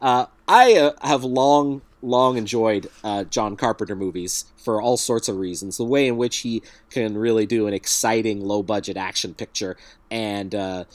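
A man's voice: on the low side, normal speed, no room sound. A man co-hosting a casual film review podcast, speaking in a wry, dryly joking way as he recaps a plot. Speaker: podcast co-host.

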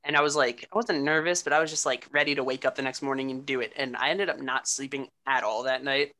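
A teenage girl with a low voice and a bright, forceful tone, hosting a casual student podcast. She rambles through her story, restarting sentences and filling them with "like.". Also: steady tone, quick pace. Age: teens. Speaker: podcast host. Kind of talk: casual chat.

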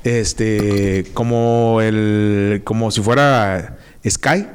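A man's voice: on the low side, extremely slow, clear, resonant tone. A young man with a northern Mexican accent casually telling childhood stories on a podcast, full of slang and acted-out quotes. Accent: northern Mexican, Monterrey. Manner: slangy, animated, acts out quotes. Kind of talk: casual storytelling.

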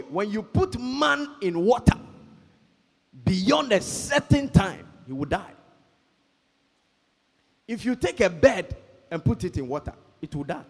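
Slow husky preacher guy, pitch swinging all over, long hall reverb. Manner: call-and-response, calls for amens; slow, emphatic, swells to shouts. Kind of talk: sermon.

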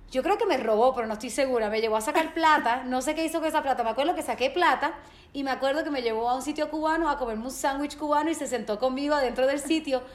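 A woman's voice: sits high, roomy sound. A woman, telling a story in a casual chat and dropping English words into her speech. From Puerto Rico.

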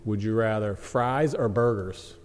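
A man's voice: fairly low pitch, measured pace. A man in his forties hosting a podcast, upbeat as he reads out questions to his guests. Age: 40s. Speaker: podcast host. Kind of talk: casual interview chat. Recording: echoey room with faint hum.

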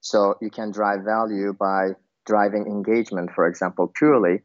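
A man from Turkey, a product manager appearing as a podcast guest, answers interview questions about his work, thinking aloud with lots of fillers and restarts. His voice is on the low side with little pitch movement and a moderate pace, recorded with dull lo-fi sound.

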